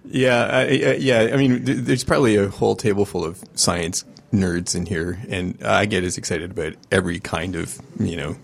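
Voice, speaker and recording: Gravelly, very deep-voiced man. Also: normal speed. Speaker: podcast panelist. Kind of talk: casual podcast discussion.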